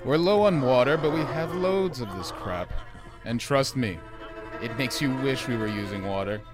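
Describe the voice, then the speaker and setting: A man's voice: mid-range voice, animated, normal speed, music in the background, close to an everyday voice. A man playing a contemptuous male Nazi henchman, putting on a German accent. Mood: sneering. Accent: put-on German. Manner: sneering, contemptuous. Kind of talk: audio drama acting.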